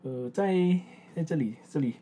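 A woman's voice: rumbling low, animated, moderate pace, warm tone, breathy edge. A woman from Malaysia with a Malaysian accent, chatting casually as a podcast co-host in non-standard Mandarin, like a foreigner searching for words and repeating herself. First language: English-schooled Malaysian Chinese, non-standard Mandarin. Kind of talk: casual unscripted podcast chat.

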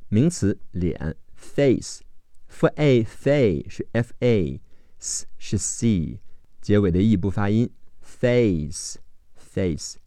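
A man leads an English phonics vocabulary lesson in a rather low voice with lively, swinging pitch. He spells out letter groups, then drawls each word twice as a model. His speech is unhurried and the sound is close and dry. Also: dry recording. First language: Chinese. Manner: slow, drawn-out model pronunciations of each word. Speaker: English teacher.

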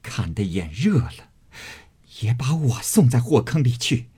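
A man's voice: medium pitch, sing-song, measured pace, dark tone, slightly rough, pitched above the performer's own voice, heavily acted. A man voicing a proud, fiery young maid who scolds with scorn, in a storybook reading. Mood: furious scolding.

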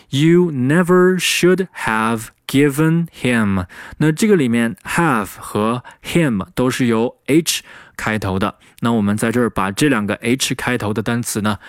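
Male english teacher, dry close sound, middle pitch, patient explanations, drills phrases slowly. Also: no room sound. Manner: repeats example phrases slowly, then at speed.

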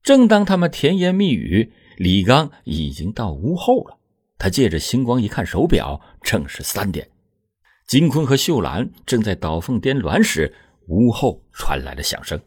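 A man's voice: on the low side, huge pitch swings, normal speed, darkish tone, breathy edge. A man telling a true-crime story in a dramatic, vivid way.

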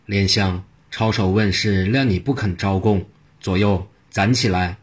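A man voicing a stern, commanding new high judge in a told story. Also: steady tone, a little slow, husky. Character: stern newly appointed male high judge.

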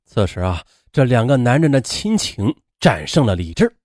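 Animated male true-crime storyteller. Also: no room sound, clean studio sound. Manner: animated, acts out women's lines in a high strained voice; colloquial with drawn-out particles. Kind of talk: dramatic true-crime narration.

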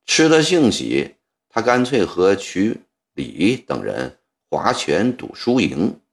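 A male storyteller reads a historical novel in a low voice. His pitch swings widely as he tells the story, and he slips into the characters' lines as they come up. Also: slow pace, creaky. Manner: lively storytelling, voicing characters' dialogue. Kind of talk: scripted narration of a historical novel.

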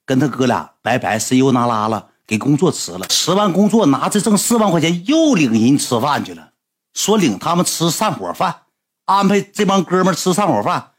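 A man, telling a story to his livestream audience in a blunt, animated way and swearing freely. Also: a little high, moderate pace, husky. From Northeast China.

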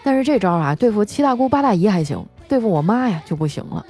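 A woman radio host telling comic stories about her family, chatty, with drawn-out particles and frequent laughs. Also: medium pitch, sing-song, mellow, husky. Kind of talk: comic storytelling monologue. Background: faint background music.

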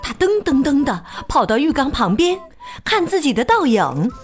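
A woman reading a children's picture book aloud in a slow, expressive, sing-song way. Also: sits high. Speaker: storyteller.

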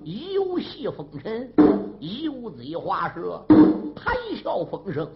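A man's voice: high voice, huge pitch swings, slow pace, lo-fi sound, loud music behind the voice, full character voice. A man voicing a scheming old court official who is a villain, menacing and gloating.

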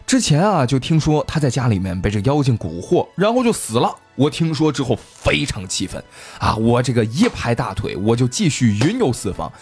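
A travelling stranger hunting a fox spirit explains himself earnestly and warns of danger, as a male storyteller plays him. The voice sits in a middle pitch with lively swings. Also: normal speed, few pauses, husky, faint music behind. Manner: earnest, warning.

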